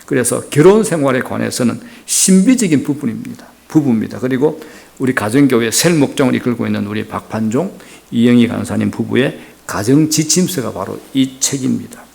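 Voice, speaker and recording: A middle-aged pastor from the region, preaching earnestly and speaking straight to the congregation. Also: male voice, medium pitch, expressive, fairly quick, vocal fry, a little mellow. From Gyeongsang region, Korea. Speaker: senior pastor. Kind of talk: sermon.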